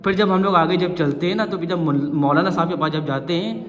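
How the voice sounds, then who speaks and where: A man's voice: a little high, fairly even intonation, dull audio. Man teaching a class, echoey hall. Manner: patient, coaxing, asks the class questions. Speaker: Quran reading teacher. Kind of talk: classroom Quran recitation lesson.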